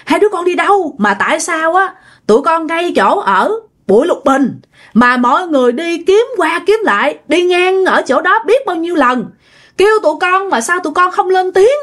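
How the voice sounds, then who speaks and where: A woman's voice: very high voice, lively intonation, normal speed, fairly bright tone, pitched above the performer's own voice. A woman voicing a distraught young mother who questions her children anxiously and insistently.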